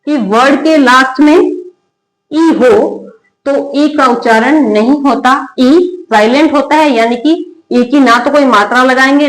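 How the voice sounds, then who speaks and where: A woman teaching English spelling rules in Hindi, asking questions and answering them herself, drawing out example words slowly. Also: high voice. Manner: repeats questions and answers them herself, slow drilled word readings. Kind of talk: Hindi-medium spelling lesson at a board. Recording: echoey room.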